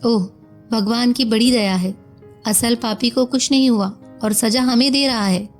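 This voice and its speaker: Brief: woman doing a weeping young girl, higher voice. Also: fairly even intonation, a little slow, faint music behind, lightly acted.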